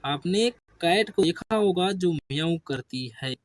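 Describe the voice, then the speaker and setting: Male teacher for a kids' spelling lesson, slow and patient, quizzes and then drops low on each answer, dry close sound. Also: animated, dry recording. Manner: addresses viewers as children. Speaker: English teacher.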